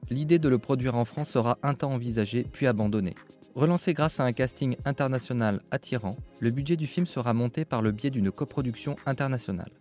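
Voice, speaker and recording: A man reading a scripted narration in a steady documentary manner. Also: mid-range voice, a little fast, soft background music.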